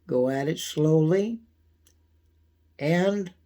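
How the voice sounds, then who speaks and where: A man giving a casual, folksy how-to demonstration, his voice thin and squeaky from a coming cold. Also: dark tone. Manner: folksy, unhurried, frequent throat clearing. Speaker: video host demonstrating pocket knife care.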